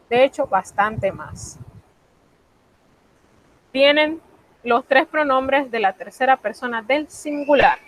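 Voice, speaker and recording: Woman teacher explaining slow and patient, asks herself questions then answers, kinda high voice. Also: slight background noise, poor audio. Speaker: French teacher. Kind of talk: recorded online class lesson.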